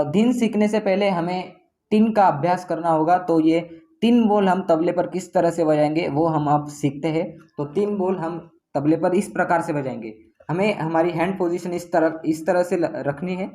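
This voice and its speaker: A man's voice: a little high, warm tone. A man teaching tabla step by step, patiently repeating each stroke name as he demonstrates it. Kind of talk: step-by-step music lesson. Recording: tabla strokes played between speech.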